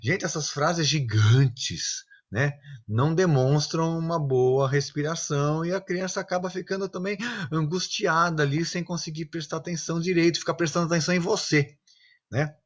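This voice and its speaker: A man giving tips to children's teachers in an online class, lively and acting out examples, often asking his listeners "right?". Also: fairly high pitch, normal speed, lo-fi sound. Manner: lively, acts out examples, often asks "né, gente?". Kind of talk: online class, casual explanatory talk.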